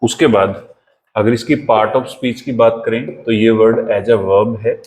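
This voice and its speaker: A man teaching English vocabulary in a classroom-lesson style, with an Indian accent, repeating each word slowly for pronunciation drills. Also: lowish voice, steady tone, a little mellow, rough recording.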